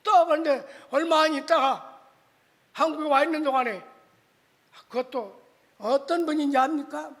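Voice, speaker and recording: Male pastor, sermon, very high pitch, big echo of a church sanctuary. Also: moderate pace, pauses often. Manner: impassioned storytelling, swings from shouting to hushed. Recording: reverberant church hall.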